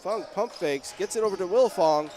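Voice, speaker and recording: A young man calls a high school basketball game play by play, his voice sitting somewhat high and climbing into shouts when a shot drops. The live gym hum and bouncing balls stay audible under him. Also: moderate pace. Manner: excited, rising to shouts on big plays. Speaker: play-by-play commentator. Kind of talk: live sports commentary.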